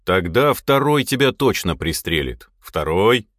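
Man voicing terse male commander, low, stern, dry studio read. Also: sing-song, measured pace, a bit bright, no room sound. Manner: firm, curt, commanding.

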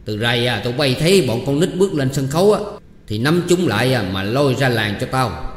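Man playing a grumbling troupe manager, mid pitch, roomy reverb. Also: lively intonation, fairly quick, close to an everyday voice. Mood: gruff. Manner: gruff, complaining. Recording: echoey hall reverb.

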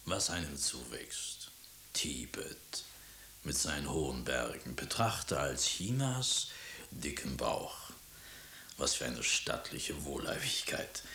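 Blustering, hot-tempered emperor. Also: male voice, low voice, bright, forceful tone, slight background noise, heavily acted. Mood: stern. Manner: theatrical, swings between stern and pleading. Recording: echoey room.

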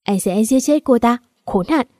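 A woman's voice: fairly high pitch, expressive, normal speed, a little mellow, no room sound, clean studio sound. A woman reading a storybook voices an angry father who talks in short, curt bursts.

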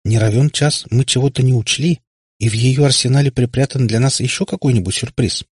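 A man voicing a firm, caring middle-aged witch mother in an audiobook, husky. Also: mid-range voice, fairly quick, no echo, studio quality, voice pushed up, lightly acted. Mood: stern.

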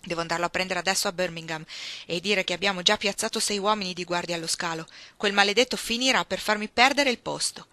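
A woman reading aloud and voicing a gruff, harried man who complains loudly about a thief. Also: on the low side, quick pace, dry recording. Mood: exasperated. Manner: loud, exasperated complaining.

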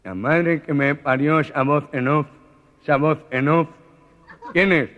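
A man voicing a short-tempered man with a nasal voice who shouts oaths, on a dull, reverberant old cassette recording. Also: on the high side, steady tone, a little slow, pitched above the performer's own voice, lightly acted. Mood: exasperated.

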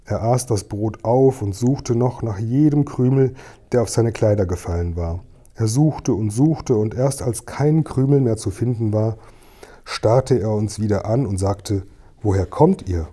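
A man narrating a children's story as an audiobook in a calm, measured way. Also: fairly low pitch. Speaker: audiobook reader.

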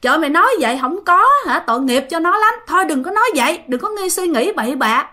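A woman's voice: sits high, lively intonation, fast talker, bright, forceful tone, voice pushed up. A woman voicing a group of tipsy men who scold and coax a crying friend during a spoken ghost story. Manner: scolding, coaxing.

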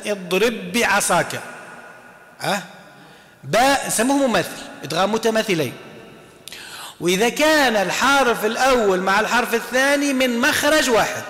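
In an echoey hall, a man with a bright, forceful, very high-pitched voice leads a class. Speaking with an Algerian Arabic accent, he asks questions, supplies his own answers, and says each term more than once.

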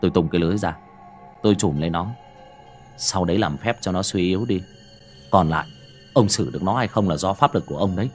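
A man doing a calm young ghost hunter. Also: low-pitched, quick pace, pauses often, soft background music, voice pushed down, natural voice. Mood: steady.

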